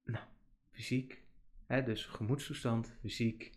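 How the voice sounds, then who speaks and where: A man's voice: medium pitch, steady tone, slow. A man, hosting a casual podcast monologue, chatty and rambling with many fillers. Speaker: podcast host.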